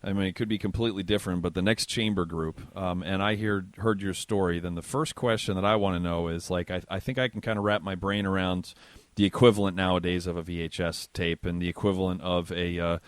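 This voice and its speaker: A middle-aged man hosts a podcast in a relaxed, joking manner. His voice sits very low and sounds close and dry, with no room around it. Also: a little fast, clear, resonant tone, no room sound. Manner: joking, chatty. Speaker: podcast host. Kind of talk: casual podcast interview.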